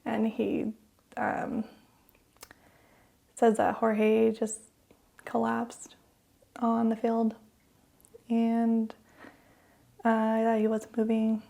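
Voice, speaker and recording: A young woman co-hosting a podcast, telling a personal story haltingly with many fillers, sometimes dropping to a whisper. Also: fairly high pitch, monotone, gravelly, dark tone. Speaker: podcast co-host.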